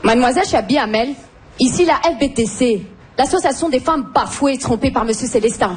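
A woman doing a stand-up routine in an animated, dramatic way. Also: sits high, fairly quick, heavy background noise. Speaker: stand-up comedian. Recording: live club recording with loud crowd.

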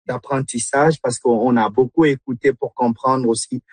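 A man's voice: medium pitch, steady tone, normal speed, slightly rough, dry recording. A man from the Democratic Republic of the Congo, a guest in an interview, speaking earnestly with many hesitations and repeated words. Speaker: guest, literary club member. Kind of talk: radio interview.

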